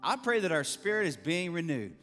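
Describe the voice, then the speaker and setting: On the high side and very animated, this middle-aged pastor's fairly bright voice moves briskly through a conversational sermon delivered with a handheld mic from a large church stage. He is earnest and builds to emphatic bursts, while faint music plays under the long reverb of the church hall.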